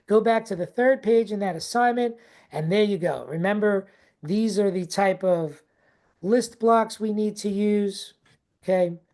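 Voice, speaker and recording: A teacher trainer leads a live online teacher workshop over a video call, chatting informally and checking in with "okay?" and "right?" as she goes. Her mid-range voice is warm and a little slow, and she has an unnamed regional accent that is not native to Texas.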